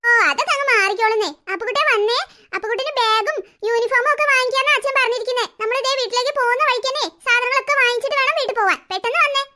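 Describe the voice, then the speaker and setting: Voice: very high voice, bright, forceful tone, a little hiss or hum. A voice actor doing a strict cartoon mother. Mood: brisk. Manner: brisk, dismissive.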